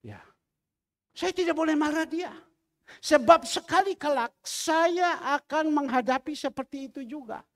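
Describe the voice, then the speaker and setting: Pastor preaching in a reverberant hall. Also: male voice, extremely high pitch, measured pace. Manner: animated storytelling, acting out quoted voices. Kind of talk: sermon. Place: large church hall. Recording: long reverb of a church hall.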